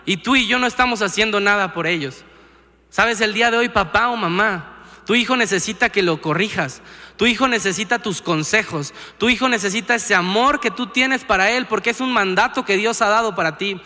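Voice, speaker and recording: A man's voice: high-pitched, bright, forceful tone. A young man preaching a sermon in a church, earnest and talking straight to the listener. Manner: earnest, keeps asking "¿sabes?" to the listener. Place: church auditorium. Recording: reverberant church hall.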